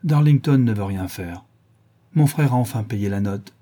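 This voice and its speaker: A man's voice: lowish voice, expressive, normal speed, mellow. A man voicing a listless, indifferent young man lost to drugs, speaking with sighs in an audiobook. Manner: sighing, indifferent.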